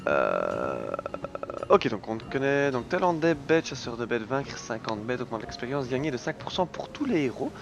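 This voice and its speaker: A man's voice: mid-range voice, huge pitch swings, moderate pace, gravelly, lo-fi sound, background noise. Man reading game text with dry quips. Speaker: let's play host. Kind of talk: casual gameplay commentary.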